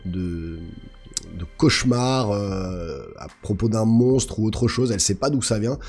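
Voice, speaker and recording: With soft music behind him, a man hosting a channel delivers an easygoing, enthusiastic film review in a hoarse, guttural voice that sounds a little sick. He speaks unhurriedly, his voice on the low side and darkish in tone.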